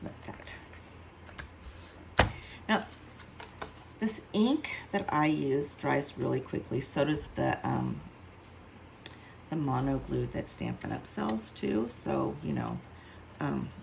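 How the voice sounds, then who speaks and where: Woman demoing card making, slow chatty talk, voice goes up and down a lot. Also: extremely low pitch, very animated, vocal fry, a little mellow, a little hiss or hum, rough recording. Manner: chatty, self-mocking, thinks aloud while working. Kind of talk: casual craft tutorial.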